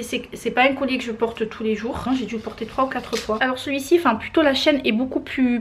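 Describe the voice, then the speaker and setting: A woman's voice: fairly high pitch, a little hiss or hum. A young woman chatting casually to her viewers from her living room, with plenty of hesitant fillers. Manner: chatty, many "euh" fillers, addresses viewers as girls. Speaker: lifestyle vlogger.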